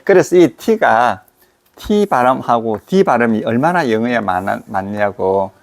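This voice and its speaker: Male pronunciation teacher, gravelly, stretches out example words. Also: medium pitch, animated. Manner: repeats example words slowly, drawn out. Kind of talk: explaining and demonstrating pronunciation.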